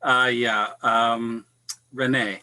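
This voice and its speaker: A man introduces himself on a video call, slow and full of fillers. His voice is strikingly bright and forceful. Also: medium pitch, flat delivery. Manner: hesitant, halting, many fillers. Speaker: participant.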